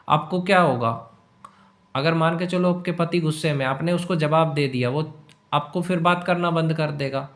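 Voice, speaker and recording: A man giving relationship advice in a lecturing monologue, speaking straight to his listeners and asking them one rhetorical question after another. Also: a little high. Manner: addresses listeners directly as you. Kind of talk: direct-to-camera advice monologue.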